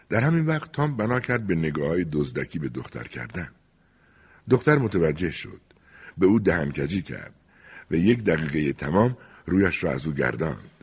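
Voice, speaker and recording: A deep, husky male narrator reading a story aloud with lively, rising and falling intonation. Every phrase trails into a long reverberant tail. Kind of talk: audiobook narration.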